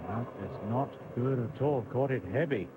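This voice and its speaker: Male golf commentator, mid-pitched, terse shot descriptions, clearly noisy course ambience. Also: moderate pace. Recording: clearly noisy outdoor broadcast.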